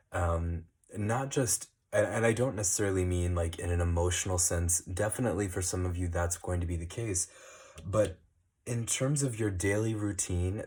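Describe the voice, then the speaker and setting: Still getting over a cold, a sniffly man with a deep, slightly mellow voice reads tarot cards for the month's astrology. He goes slowly, filling gaps with ums and uhs.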